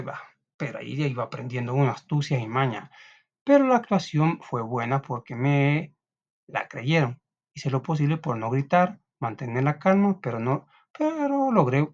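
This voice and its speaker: A man's voice: medium pitch, a little mellow. Salvadoran man teaching a lesson. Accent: Salvadoran Spanish. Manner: reads aloud, with frequent tag questions and restarts. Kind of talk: recorded classroom lesson. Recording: dull lo-fi recording.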